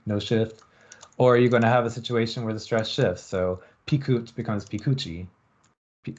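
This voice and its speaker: A man lecturing at a university, explaining experiment design in a relaxed way and thinking aloud with frequent ums. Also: on the low side, dull audio.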